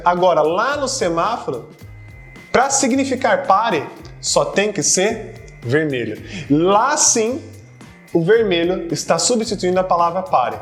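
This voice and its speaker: A man with a Brazilian Portuguese accent teaching a video lesson, playfully acting out little everyday scenes. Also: sits high.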